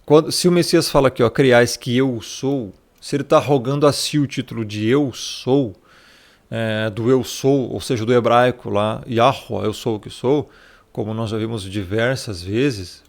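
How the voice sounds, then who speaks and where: At a normal speed and in a mid-range voice, a Bible teacher explains scripture during a relaxed study session. He keeps a conversational tone, frequently asks tag questions, and calls the listener brother.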